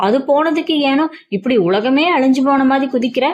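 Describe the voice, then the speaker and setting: A scornful, sharp-tongued older mother-in-law in a family storybook tale, put on by a woman narrator. She scolds and taunts in a fairly high voice. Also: a little fast, muffled recording, lightly acted.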